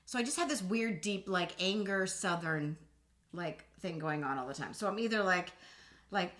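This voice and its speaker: Woman, middle-aged, bright tone, animated storyteller, podcast co-host. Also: fairly low pitch, normal speed. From Boston. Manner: animated storyteller, acts out voices. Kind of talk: casual chat.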